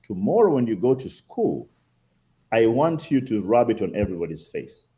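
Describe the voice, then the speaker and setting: A man's voice: lowish voice, sing-song, normal speed, mellow. A man with a Kenyan accent answering interview questions conversationally, emphatic, with rhetorical questions and repetition. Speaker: interview guest, consul general.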